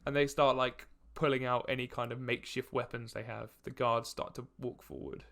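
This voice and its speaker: A man's voice: mid-range voice, fairly even intonation, brisk, creaky, a bit bright. A young man narrating as game master in a tabletop game, hesitant with many fillers and restarts. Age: young adult.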